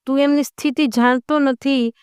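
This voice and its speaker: A woman voicing a ten-year-old girl gently pleading with her little brother to stop crying. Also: high voice, steady tone, normal speed, no room sound, clean studio sound, voice pushed up, natural voice.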